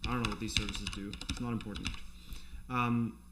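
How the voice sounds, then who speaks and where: A man's voice: fairly low pitch, level tone, a little fast, very noisy. A man giving an informal programming tutorial, thinking aloud in a conversational way as he explains. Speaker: programming instructor. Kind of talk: informal live coding tutorial, explaining off the cuff.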